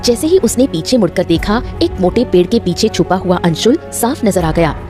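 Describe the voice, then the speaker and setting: A woman narrating a cartoon story with expressive, scripted storytelling. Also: mid-range voice, normal speed, music in the background.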